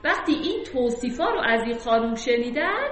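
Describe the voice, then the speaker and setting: Brief: fairly high-voiced woman teacher, reads poetry slowly and chats through its meaning, echoey room. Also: sing-song, fairly bright tone, a little hiss or hum. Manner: recites verses slowly, then explains in casual speech. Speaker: literature teacher. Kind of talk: poetry lesson, reciting and explaining verses. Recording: roomy echo.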